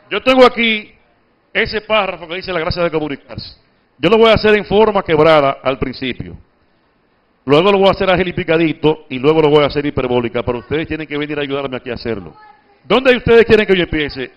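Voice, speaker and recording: A man's voice: a little high, a little fast, lo-fi sound. A man giving a public speaking workshop, explaining and quizzing his audience. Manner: didactic, addresses audience with questions. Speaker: oratory instructor. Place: workshop at a book fair.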